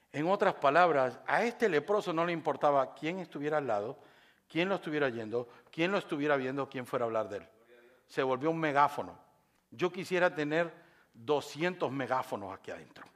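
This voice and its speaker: A male pastor preaching a sermon, swinging from quiet asides to shouted praise and acting out voices of the congregation. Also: on the high side, expressive, normal speed.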